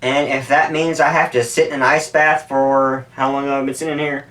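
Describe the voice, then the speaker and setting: A man vlogs in a casual, meandering way, speaking candidly and with some swearing. His pitch is medium, and he is picked up from a distance, as if by a camera set away from him. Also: flat delivery, normal speed, fairly bright tone. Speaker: YouTuber making stunt videos. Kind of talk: casual rambling talk to camera. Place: indoors at home, sitting in an ice bath. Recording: distant, off-mic camera audio.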